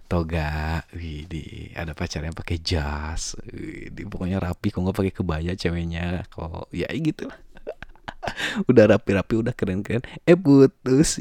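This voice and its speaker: A man's voice: sits low, darkish tone, no room sound, clean studio sound. A young man, hosting a casual chat, joking and laughing often as he reads out listener messages. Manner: joking, laughs often, slangy Jakarta banter. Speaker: host reading listener messages.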